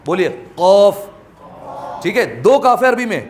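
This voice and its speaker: A man teaching tajweed pronunciation to a class, slowly stretching out Arabic sounds for students to repeat and then explaining quickly. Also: sits high, expressive, a little hiss or hum. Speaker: Quran recitation teacher.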